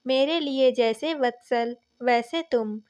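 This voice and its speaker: A woman's voice: high-pitched, slow, darkish tone, clear, resonant tone. A woman voicing a kindly, affectionate older father-in-law in a story reading, speaking in a soothing, fatherly way.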